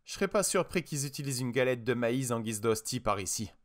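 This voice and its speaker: A man's voice: mid-range voice, animated, brisk, lightly acted. A man voicing a blunt, stubborn husband in an audiobook. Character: stubborn, tense husband, a driver. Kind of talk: audiobook character voice.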